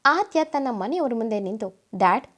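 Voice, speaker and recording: A woman narrating a serialized family drama story with expressive reading. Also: on the high side, moderate pace.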